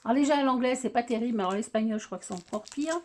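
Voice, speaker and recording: Chatty woman with a slightly high voice. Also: very fast. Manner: hesitant, many filler sounds and restarts. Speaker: scrapbooking vlogger. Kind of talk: casual chat showing craft purchases.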